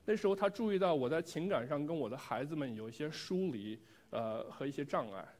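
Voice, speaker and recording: A man's voice: fairly high pitch, animated, fairly quick, a little mellow. A man preaching a sermon, sharing a personal testimony in an earnest, reflective way and putting pleading questions to the congregation.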